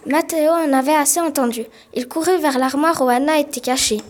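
High-voiced woman reading a story. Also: a little fast. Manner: plain reading with small slips. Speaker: narrator. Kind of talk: amateur storybook narration.

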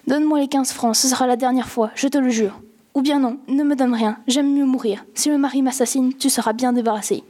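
A woman's voice: sits high, steady tone, fairly quick, mellow. A woman voicing an impulsive seventeen-year-old boy who pleads and rambles in a storybook reading. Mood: tearful.

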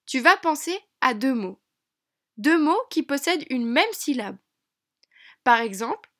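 High-voiced woman teaching young children. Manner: bright, encouraging, speaks slowly to a child. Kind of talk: children's lesson narration.

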